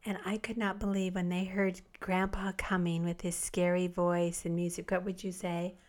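Grandma type chatting with her husband, pretty monotone, reminiscing. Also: lowish voice, moderate pace. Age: older. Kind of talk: casual chat.

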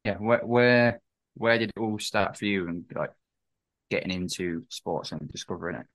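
A man's voice: sits low, steady tone, normal speed, a bit bright, dry recording. A young man hosting a podcast, asking loose, rambling questions with many restarts. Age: young adult. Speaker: podcast host. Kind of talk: casual interview questions.

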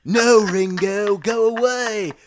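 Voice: medium pitch, slow, soft background music, pitched above the performer's own voice, close to an everyday voice. A podcaster putting on a silly, pleading British man with a mock British accent, as a comic parody. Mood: whiny, pleading.

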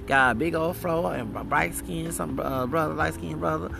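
Here a forty-something podcast host chats casually on his own by a street outdoors, now and then singing song fragments. The voice is a little high and creaky, the pace moderate, and the background noisy.

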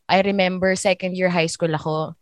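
A woman's voice: lowish voice, steady tone, normal speed, no room sound, studio quality. A young woman hosting a casual Taglish podcast chat, chatty and laughing often. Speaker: podcast host.

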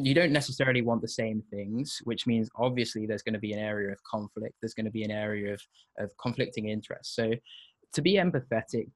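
A man hosts an interview podcast and asks his guest questions. He speaks in a thoughtful, hesitant way and leans on fillers as he searches for words. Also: fairly low pitch. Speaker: podcast host.

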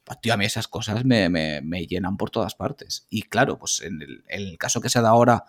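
A man with a Spain Spanish accent co-hosting a podcast in casual chat, telling rambling, animated stories with plenty of swearing over a video call. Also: fairly low pitch, fairly quick. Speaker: podcast co-host.

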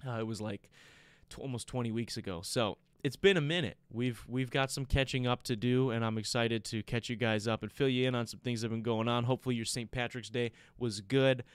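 A man's voice: medium pitch, fairly even intonation, brisk, clear, resonant tone, no room sound. A man with an American accent chatting casually as a solo podcast host, rambling and repeating himself, with a congested, blocked-nose sound from being sick. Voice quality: congested, stuffy-nosed. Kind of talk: casual chat to listeners.

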